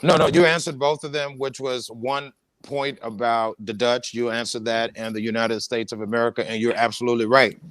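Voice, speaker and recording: A man's voice: mid-range voice, fairly even intonation, a little fast, fairly bright tone. A man hosting a live online panel discussion, speaking emphatically and repeating phrases in a preacher-like cadence. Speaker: host.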